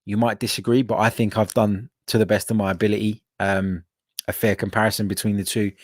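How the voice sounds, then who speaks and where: A man's voice: on the low side, little pitch movement, a little fast, no echo. Opinionated young man, dry close mic. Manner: opinionated, emphatic, repeats points. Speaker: podcast host. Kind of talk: live solo podcast commentary.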